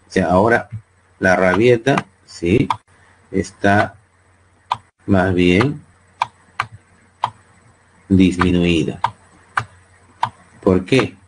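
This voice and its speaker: A man's voice: fairly low pitch, vocal fry, darkish tone, a little hiss or hum. A man with a Peruvian Spanish accent teaching a psychology class to students online, often checking in with them by asking "¿sí?". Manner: asks students frequent tag questions.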